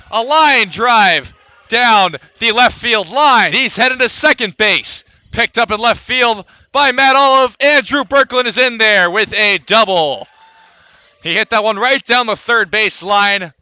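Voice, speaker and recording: On radio, a man calls live baseball play-by-play, keeping things conversational between pitches and lifting into excitement when the action comes. The sound has no echo.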